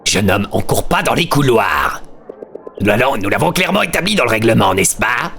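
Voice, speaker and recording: A man voicing a stern female school principal in a husky smoker's voice while reading game dialogue. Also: mid-range voice, big pitch swings, normal speed, bright, forceful tone, soft background music, heavily acted.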